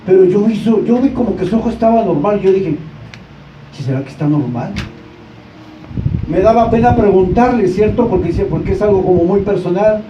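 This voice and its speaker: A male pastor preaching a sermon in a church, asking the congregation questions and rising to shouts. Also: sits high, a little hiss or hum. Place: church sanctuary. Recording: echoey church room, distant mic, dull sound.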